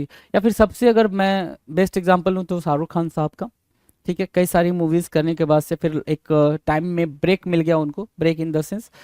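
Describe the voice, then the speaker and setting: An Indian man teaching English idioms for exams, repeating each phrase slowly and quizzing the viewer. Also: high-pitched, a little mellow, smooth, dry recording. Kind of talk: exam-prep vocabulary lesson.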